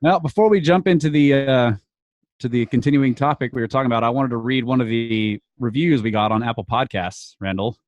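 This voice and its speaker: Man, podcast co-host, laughs a lot, mid pitch, close dry sound. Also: a little fast, no room sound, lo-fi sound. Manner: laughs easily, upbeat host. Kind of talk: casual podcast chat.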